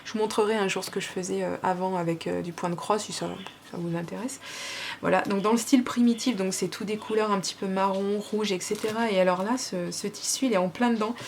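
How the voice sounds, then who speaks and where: A woman's voice: mid-range voice, fairly even intonation, quick pace, darkish tone. French woman vlogger, gushing unboxing chat, lots of fillers, faint hiss behind. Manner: gushing, chatty, many fillers.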